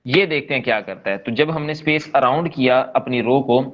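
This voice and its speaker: A man's voice: mid-range voice, fairly quick. Man, coding instructor, live online class, patient step-by-step explaining, muffled call audio. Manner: patient, repetitive, checks in often.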